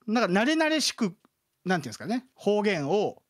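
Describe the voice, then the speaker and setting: A man's voice: high voice, big pitch swings, brisk. A man from the Kansai region of Japan, a guest chatting casually with many fillers and self-deprecating asides. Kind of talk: casual chat.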